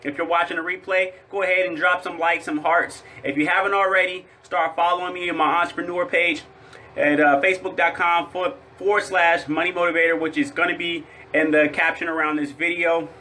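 A man's voice: a little high, flat delivery, a little fast, bright, forceful tone. Upbeat man leading morning affirmations. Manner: upbeat, greets viewers by name; chanting repeated affirmations. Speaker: motivational live streamer. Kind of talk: live-stream morning affirmations.

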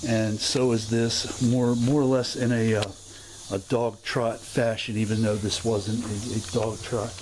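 Amateur host, man, mid pitch, unscripted walk-and-talk outdoors on a camera mic, steady insect noise. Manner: halting, many fillers and self-corrections. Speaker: video host touring a historic site. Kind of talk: unscripted walking tour narration. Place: outdoors at a historic house, open grounds.

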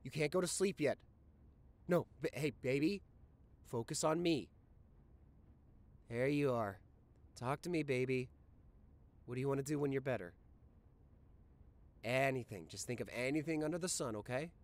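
A young man voicing a caring, anxious boyfriend in an audio role-play, talking softly and reassuringly to his sick partner. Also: mid-range voice, moderate pace, long pauses, close to an everyday voice. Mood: worried coaxing. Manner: soft, soothing, reassuring. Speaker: voice actor reading a listener script.

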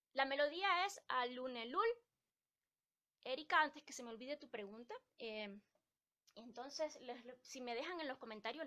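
A woman's voice: a little high, a bit bright. A woman from Ecuador teaching a live-stream music lesson, explaining patiently and singing rhythm syllables to show the beat.

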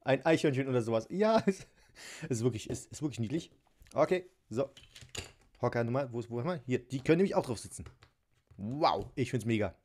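Assembling a toy set at a home table seen from above, a vlogger chats casually, giggles frequently and jokes at his own expense. He has a medium-pitched, expressive voice that's a little mellow. He speaks fairly quickly.

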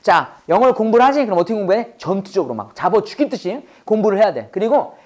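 A woman's voice: medium pitch, sing-song, fast talker, a little mellow. A woman teaching an English class to students, drilling terms by call and response and joking between points.

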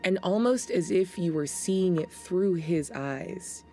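A woman's voice: lowish voice, slow, warm tone, soft background music. A middle-aged woman narrating a tabletop role-playing game as the game master in an indoor studio. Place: indoor studio set dressed as a tavern.

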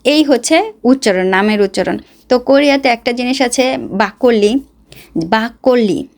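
Woman vlogger, pitched a little high, talks straight to camera and gives practical advice. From Bangladesh. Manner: explanatory, addresses viewers directly with advice. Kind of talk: casual talk to viewers.

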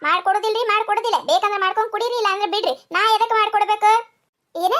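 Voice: very high-pitched, steady tone, very fast, a bit bright. A performer voicing a sulky, defiant young village daughter-in-law in a cartoon, with a North Karnataka Kannada accent. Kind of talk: cartoon comedy voice acting.

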